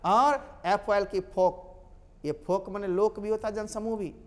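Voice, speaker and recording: A man's voice: high-pitched, unhurried. A man from Bihar teaching silent letters in English, talking, spelling words out and correcting himself often. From Bihar, India. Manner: animated, repeats and corrects, spells letters aloud. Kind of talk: classroom lesson on silent letters. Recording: long hall reverb.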